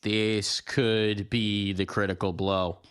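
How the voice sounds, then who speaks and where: Over clear in-game gunfire and clicking, a male commentator delivers dramatic play-by-play calls in short, clipped phrases. His voice is lowish and fairly bright, moving little in pitch, at a slow pace.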